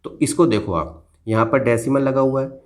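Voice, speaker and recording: A man's voice: mid-range voice, moderate pace. A man teaching a school math lesson, patiently addressing his pupils as children and checking they follow after each step. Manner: patient, addresses pupils as "beta" and checks "theek hai na" often. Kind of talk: classroom lesson explained at a board.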